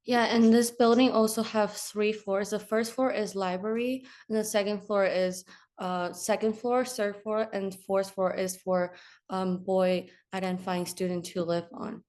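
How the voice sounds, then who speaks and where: A young woman from China narrates a campus tour in a relaxed, chatty way. Her pitch stays fairly level and her speech is full of fillers. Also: a little slow. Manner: casual, frequent fillers like "like" and "so". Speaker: student tour guide.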